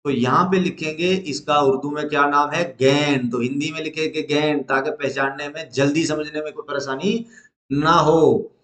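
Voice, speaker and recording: A man's voice: on the high side, steady tone, normal speed, a bit bright, roomy sound. A male teacher, leading a lesson at the board, asking questions and answering them himself.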